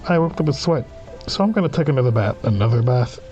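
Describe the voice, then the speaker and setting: Over game music, a man hosting a let's play reads through a visual novel quickly in a medium-pitched, mellow, expressive voice, on a muffled recording. He slips casual comments and reactions in between the lines he reads.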